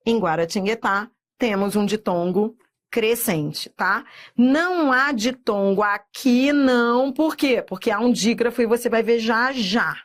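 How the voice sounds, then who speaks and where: A middle-aged woman with a Brazilian Portuguese accent, teaching a recorded exam-prep lesson and drawing words out slowly, often checking in with "tá?". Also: on the high side. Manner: slow, drawn-out spelling of words with frequent checks like "tá?".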